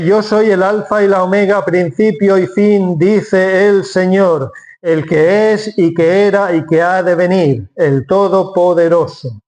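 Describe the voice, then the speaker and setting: High-voiced man preaching a sermon. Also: a little mellow. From Spain. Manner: explanatory, asks and answers his own questions.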